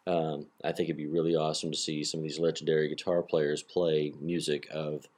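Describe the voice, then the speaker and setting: The host of a solo hobby podcast speaks at an extremely low pitch, flat and brisk, with a slightly mellow quality and a touch of cold-induced nasality. He wanders casually, restarting often and using many fillers, all picked up by a laptop's built-in mic.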